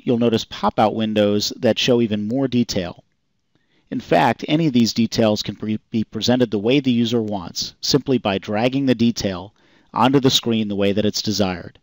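Male voice-over for a product demo: lowish, calm, explanatory, dry close-mic sound. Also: no echo. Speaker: software demo narrator. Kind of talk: scripted product demo narration.

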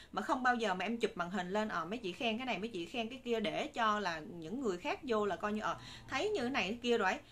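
Bright, high-voiced Southern Vietnamese saleswoman. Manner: persuasive, repetitive sales pitch. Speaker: live-stream shop seller. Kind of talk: live sales patter, talking to viewers. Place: indoor room with curtains and bagged stock. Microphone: phone a short distance away. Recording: noisy room recording on phone.

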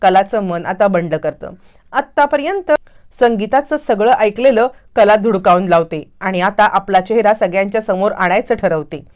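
A woman's voice: medium pitch, lively intonation. A woman narrating a TV serial episode recap, acting out every character's lines. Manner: brisk storytelling, acts out all dialogue.

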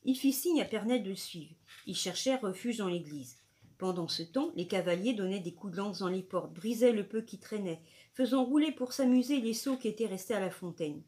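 A woman reading a novel aloud in a steady, clear storytelling manner. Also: medium pitch, a little fast. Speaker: audiobook reader.

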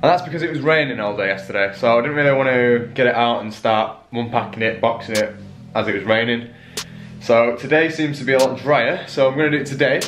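A man's voice: mid-range voice, fairly quick, a bit bright. A young man from England chatting casually in a self-mocking way as he vlogs his day at home. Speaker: vlogger. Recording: roomy sound with faint music.

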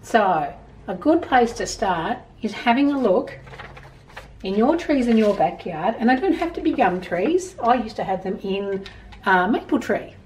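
With a mid-range voice and an unhurried delivery, a middle-aged Australian woman reads and explains stories to young children, expressive and emphatic, from a small room at home. The rough recording was made from a distance and has slight background noise.

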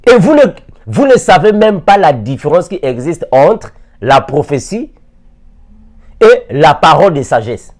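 With a sing-song delivery at a measured pace, this preacher's fairly high, darkish voice comes through a lapel mic. He is a man in his forties teaching on video from an armchair in an indoor room, hurling rhetorical questions at listeners.

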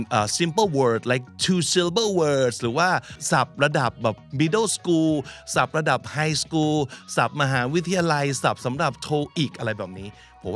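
A young Thai man hosts a language lesson, explaining steadily and pausing often for fillers when he switches to English. His voice sits at an ordinary pitch for a man. Soft music plays faintly behind him. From Thailand. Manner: hesitant, searching for words with many fillers in English. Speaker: host. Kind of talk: explaining and demoing language practice.

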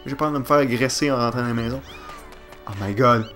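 A man with a Quebec French accent provides let's play commentary, excitable and jokey, swearing and yelping at the game. His voice is medium-pitched and a bit fast, with faint music behind him.

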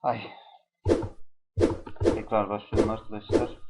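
A young man doing a profane, exasperated comedic review of a mobile game, cursing and yelling at it. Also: lowish voice, little pitch movement, unhurried, heavy background noise.

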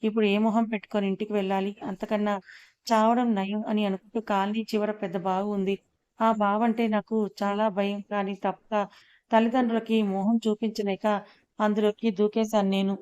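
A woman narrating a first-person story in an unhurried, even reading style. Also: mid-range voice, smooth, highs cut off.

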